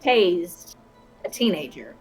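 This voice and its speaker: A woman's voice: on the low side, very animated, takes it slowly, husky, faint music behind. A woman chatting casually while co-voicing a video game on a stream.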